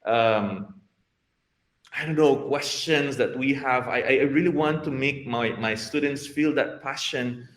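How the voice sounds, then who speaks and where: A man's voice: mid-range voice, unhurried. A man from Costa Rica with a Costa Rican Spanish accent, a guest answering interview questions in a hesitant way, often restarting and repeating words. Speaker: guest, IT program head. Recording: roomy, echoey sound.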